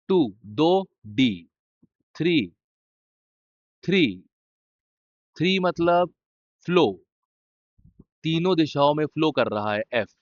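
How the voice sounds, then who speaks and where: A man's voice: fairly high pitch, dry recording. A male chemistry teacher runs a casual revision lesson for school exams. He speaks directly to his students, drills key terms by saying them again and again, and throws in blunt, joking remarks. The sound is dry and a little dull. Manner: talks straight to students, blunt and jokey asides, repeats key terms. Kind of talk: informal exam-revision lesson.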